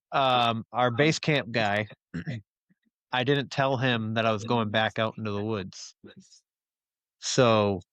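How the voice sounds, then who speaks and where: A man's voice: medium pitch, fairly bright tone, smooth, dry recording. A man hosting a podcast, telling a long rambling story in casual chat with friends, swearing freely and leaning on fillers. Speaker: podcast host.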